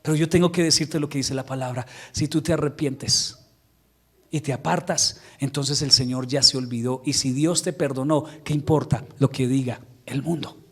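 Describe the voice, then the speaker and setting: A man pastor preaching a sermon in a church, telling a Bible story with lively, humorous storytelling. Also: medium pitch, normal speed, slightly rough. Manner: animated storytelling, acting out quotes with humor.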